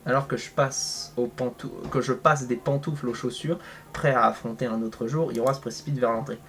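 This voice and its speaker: A man's voice: medium pitch, steady tone, fairly quick, fairly bright tone. A man reading a visual novel aloud, breaking off with joking, slangy comments and big reactions. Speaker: gaming content creator.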